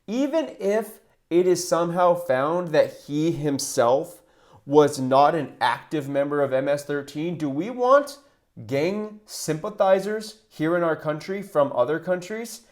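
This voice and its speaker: A man's voice: a little high, a little mellow. A man giving opinionated political video commentary in an indignant, emphatic way.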